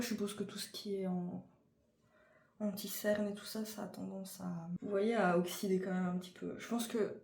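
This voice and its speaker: A woman's voice: medium pitch, warm tone. A young French woman with a French accent, chatting casually and informally in a vlog, full of fillers and restarts. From France. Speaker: vlogger. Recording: echoey room with faint noise.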